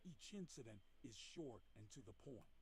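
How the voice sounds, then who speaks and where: A man's voice: mid-range voice, sing-song, normal speed, vocal fry, very noisy. A man reading scripted documentary narration from a played video, his audio heard in one ear only, in the left channel. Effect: heard in one ear only, mono audio in the left channel.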